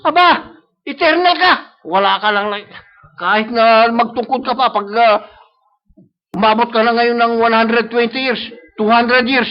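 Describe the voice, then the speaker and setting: A man's voice: extremely high pitch, measured pace. A man with a Filipino accent preaching a sermon, switching between Tagalog and English and often asking "no?" to the congregation. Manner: mixes Tagalog and English, repeats "sabi niya" and "no?". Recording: dull lo-fi live stream audio.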